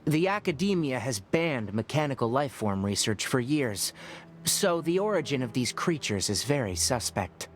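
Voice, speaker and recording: Tighnari, a man voicing a calm scholarly ranger. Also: medium pitch, lightly acted. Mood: earnest. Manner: measured, thoughtful, gently lecturing. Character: calm young scholarly male forest ranger. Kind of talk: video game voice acting.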